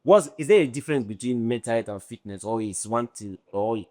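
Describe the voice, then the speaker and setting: A man with a Nigerian accent hosts a relaxed podcast conversation. He stumbles a little and rephrases his questions as he goes. His voice sits at an ordinary pitch and is recorded close and dry. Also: fairly quick, no echo. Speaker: podcast host. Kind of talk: casual podcast chat.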